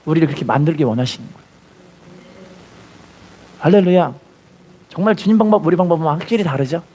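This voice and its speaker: A man's voice: fairly high pitch, fast, dark tone. A man preaching a sermon as pastor, telling a story and acting out its voices, then leading the congregation to repeat after him. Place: church.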